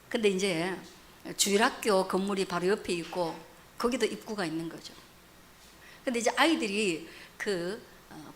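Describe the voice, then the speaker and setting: A woman pastor preaching a sermon, asking rhetorical questions, rising loud and dropping to soft asides. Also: mid-range voice, slight background noise.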